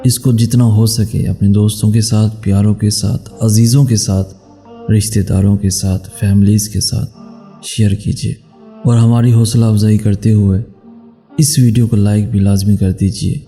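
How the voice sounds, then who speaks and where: A man's voice: fairly low pitch, little pitch movement, mellow. A man narrating a dramatic first-person story in an emotional, solemn, devotional manner. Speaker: channel narrator. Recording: reverberant with background music.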